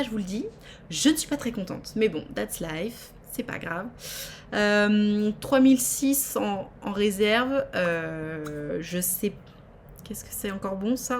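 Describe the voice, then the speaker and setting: A woman giving chatty, playful commentary while she streams a life-simulation game. She swings from excited squeals to low muttered asides. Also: a little hiss or hum. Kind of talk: casual live game commentary.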